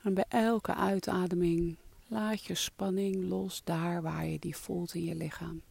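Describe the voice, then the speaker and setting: In a dry recording, a guide leading relaxation talks in a soothing, breathy way, very slow and soft, frequently sinking toward a whisper. The voice is mid-range, mellow and creaky.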